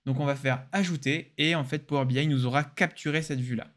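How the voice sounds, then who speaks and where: A young man with a French accent hosting a casual, enthusiastic software tutorial. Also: a little high, steady tone, brisk. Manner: casual, joking, enthusiastic explainer. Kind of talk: screen-recorded software tutorial.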